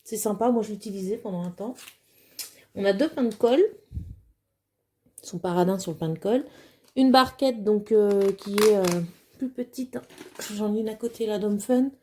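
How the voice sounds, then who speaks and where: A woman's voice: medium pitch, normal speed, pauses often, a little mellow, slight background noise. A woman chatting casually as she unboxes a craft kit at home, hesitant with many fillers and plainly enthusiastic. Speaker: crafting vlogger.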